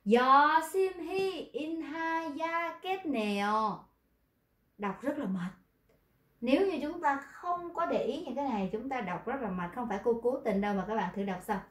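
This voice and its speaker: A Vietnamese-speaking woman teaching Korean pronunciation in an online class, lively, explaining and then reading model sentences slowly. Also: on the high side, reverberant.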